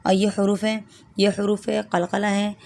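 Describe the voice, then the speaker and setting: Woman teacher, letter-by-letter recitation lesson, patient, repetitive, flat delivery. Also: mid-range voice. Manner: patient, repeats letter sounds, often checks with "right?". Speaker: Quran reading teacher.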